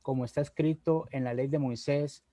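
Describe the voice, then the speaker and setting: Man reading scripture in a mellow voice. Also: medium pitch, fairly even intonation, dry recording. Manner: slow, measured reading. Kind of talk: reading Bible passages aloud. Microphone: video call.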